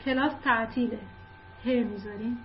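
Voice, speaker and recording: A woman with a high voice gives a relaxed literature lesson, talking it through with plenty of examples and small asides. The audio is a bit muffled, with a faint hum underneath. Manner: conversational, explains with examples and asides. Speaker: literature teacher. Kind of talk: casual explanatory lesson.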